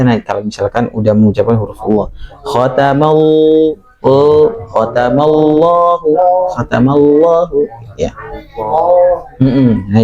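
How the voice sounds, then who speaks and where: A man's voice: mid-range voice, dark tone, muffled recording. A man from Indonesia teaches a Quran recitation lesson, explaining patiently and repeating sounds to demonstrate them. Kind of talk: slow explanatory tajwid lesson.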